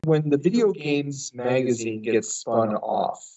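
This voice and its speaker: Man, interviewer, mellow tone, pausing question, distant echoey room, muffled. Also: mid-range voice, expressive.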